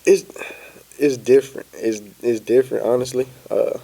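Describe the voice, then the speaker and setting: A man, a podcast guest, talking easily with many fillers and soft trailing asides. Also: medium pitch, fairly even intonation, normal speed, vocal fry, breathy edge. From United States (Florida). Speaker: guest, entrepreneur. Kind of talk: casual interview chat.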